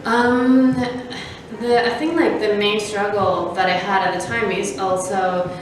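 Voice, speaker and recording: A woman from Venezuela, a startup founder, answering interview questions in a measured way with many fillers. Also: mid-range voice, flat delivery, heavy reverb, distant mic, a little hiss or hum, low-quality recording.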